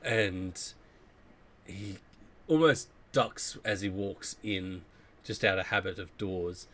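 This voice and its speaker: A man's voice: low-pitched, slow, fairly bright tone. A man narrating as game master, loosely searching for words with um and like.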